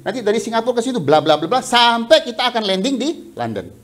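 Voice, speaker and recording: A man preaching a sermon in a church, chatty and animated, breaking into laughter, on a headset mic. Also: very high-pitched, fast talker. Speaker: pastor. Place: church sanctuary. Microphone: headset mic resting on the cheek.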